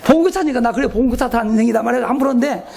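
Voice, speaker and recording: A man's voice: very high voice, very fast, gravelly, a little mellow, a faint crowd. A middle-aged male pastor giving a folksy, joking retreat sermon and asking the congregation questions.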